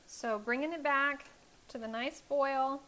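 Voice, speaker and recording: The background is noisy as a woman with a high voice speaks at a measured pace. She's a home cooking show host in her thirties, giving a cooking demonstration from her kitchen on a lapel mic and explaining each step with friendly instruction.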